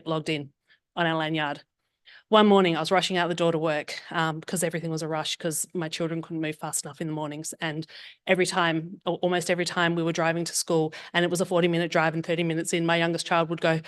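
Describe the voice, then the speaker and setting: A woman's voice: fairly low pitch, fairly bright tone, no echo, clean studio sound. A woman in her forties with an Australian accent, telling a candid personal story at a meetup with self-deprecating humor. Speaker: meetup speaker. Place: meetup room.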